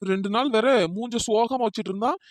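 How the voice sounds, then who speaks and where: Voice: medium pitch, brisk, dry recording, clean studio sound, lightly acted. A performer voicing the hero's teasing young male friend in a cartoon. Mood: musing. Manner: mocking, joking.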